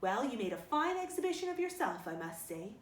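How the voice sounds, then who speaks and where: A woman's voice: a little high, big pitch swings. A woman as a stern, firm middle-aged guardian. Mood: stern, scolding. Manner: measured, scolding, firm. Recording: roomy sound with faint noise.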